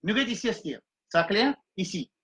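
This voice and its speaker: A man leads a Quran reading lesson, sounding out each letter and vowel slowly and repeating syllables for his students. His voice sits high for a man, with a bright, forward tone. He drifts between French, English and Arabic terms as he explains. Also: sing-song. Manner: slow and repetitive, sounding out syllables one by one.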